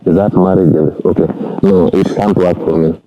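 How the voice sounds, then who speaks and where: A man's voice: deep voice, level tone, moderate pace, lo-fi sound, a crowd in the background. A man with a Kenyan accent telling stories casually, switching between English and Swahili. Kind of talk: casual conversational storytelling. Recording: light background noise.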